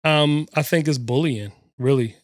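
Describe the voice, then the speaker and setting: A man's voice: on the high side, unhurried, no room sound, studio quality. A man co-hosting a casual podcast debate, talking bluntly and profanely, rambling with lots of fillers. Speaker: podcast co-host.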